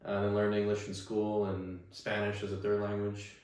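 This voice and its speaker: Recorded on a distant, echoey microphone, a young interview guest talks casually at normal speed in a lowish voice. He's from Staten Island, New York, grew up speaking Russian first, and rambles comfortably, full of fillers and false starts.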